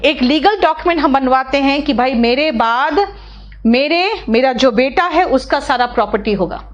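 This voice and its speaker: A woman with a high voice runs a live online English class. She explains legal words in Hindi mixed with English terms, talking quickly and chattily and repeating key words as she goes. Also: animated, lo-fi sound. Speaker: English teacher.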